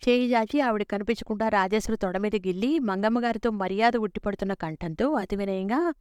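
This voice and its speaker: A woman narrates a serialized story in a steady, even way. Her voice is smooth and clear. The recording is close and dry, with no room echo. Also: mid-range voice, fairly quick.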